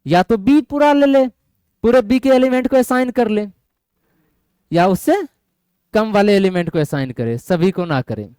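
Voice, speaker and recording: Lively high-voiced male math teacher. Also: a little slow, long pauses, clear, resonant tone, no echo, clean studio sound. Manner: quizzes students, keeps asking "getting my point?". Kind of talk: classroom lecture. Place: classroom with students.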